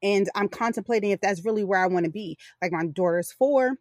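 A woman's voice: medium pitch, a little fast, a little mellow, no echo. A woman in her forties co-hosts a casual podcast chat. She speaks candidly and loosely, backing up to correct herself as she goes. Her voice sits close and dry, with no room sound. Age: 40s. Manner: candid, rambling, self-correcting. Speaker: podcast co-host.

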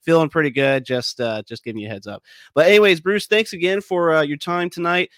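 Still a bit sniffly as he gets over a cold, a male podcast host chats in an upbeat way, full of ums and uhs. The voice is fairly high and fairly bright, brisk in pace, and the recording is dry.

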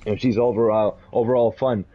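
A man from Puerto Rico co-hosting a podcast, telling stories in an animated, rambling way with quick laughs. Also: fairly low pitch, highs cut off. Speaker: podcast co-host. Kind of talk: casual chat.

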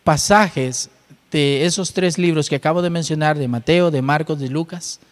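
A man's voice: fairly high pitch, normal speed, long reverb tail. A man preaching a sermon, explaining scripture and asking his listeners rhetorical questions.

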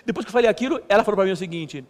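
A male pastor preaching a sermon in a halting, conversational way, repeating words and poking fun at himself. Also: high-pitched. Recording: long church hall reverb.

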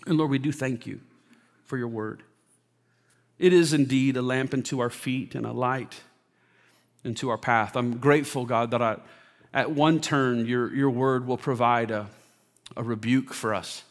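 A pastor reads scripture to his congregation during a live church service, lifting his voice on key phrases and softening for prayer. His mid-pitched male voice rings out with a long hall reverb. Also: steady tone, unhurried, long pauses. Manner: reads scripture aloud with rising emphasis, then prays softly. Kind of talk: sermon scripture reading and prayer.

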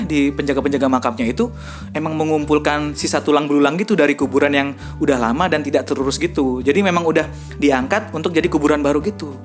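A young man with doing a stand-up set, telling stories and acting out other people's lines. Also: a little high. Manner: animated, acts out dialogue in quick voices. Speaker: stand-up comedian. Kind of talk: stand-up storytelling.

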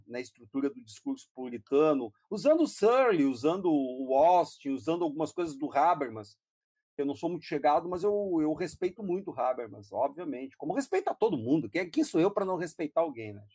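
A middle-aged Brazilian philosophy professor chats casually in long digressions, laughing and swearing now and then, with a Brazilian Portuguese accent. His medium-pitched voice is warm and expressive and runs a little fast. The recording is dry and studio quality.

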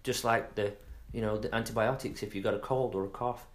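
A man's voice: on the low side, steady tone, fairly quick. Rambling middle-aged man chatting casually. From England. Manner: rambling, trails off mid-sentence with fillers. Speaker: podcast co-host. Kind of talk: casual chat.

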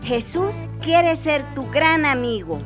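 High, slow Colombian woman announcer over music. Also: lively intonation. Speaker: programme announcer. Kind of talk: scripted radio intro.

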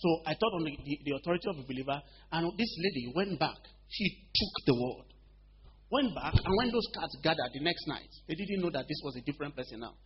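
Man preaching, high-pitched, keeps checking the congregation is with him, swings from loud to hushed; lo-fi humming recording. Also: animated, fast. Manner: call-and-response questions to the congregation; swings between loud emphatic bursts and quiet storytelling. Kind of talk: sermon. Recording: dull lo-fi recording with faint hum.

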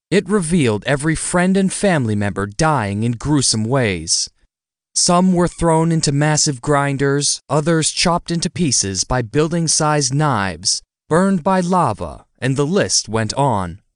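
A man narrating a story in a dramatic, expressive reading voice close to the mic. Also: mid-range voice, dry recording. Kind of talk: audiobook narration.

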